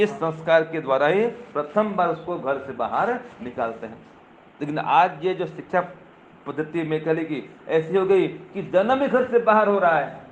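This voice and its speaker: An older man delivering a teaching sermon to a live audience. He keeps asking rhetorical questions and speaks to listeners directly. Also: fairly high pitch. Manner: addresses listeners directly, teasing. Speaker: swami. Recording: dull lo-fi recording with faint ambience.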